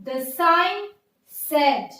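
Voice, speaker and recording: High voiced lady teacher reading a story to little kids, asks them stuff, repeats it all, big echo off a distant mic. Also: expressive, sharp tone. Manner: slow, deliberate, asks the class questions and repeats each part. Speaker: schoolteacher. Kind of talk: reading a story aloud to young children. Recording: echoey room, voice from far off.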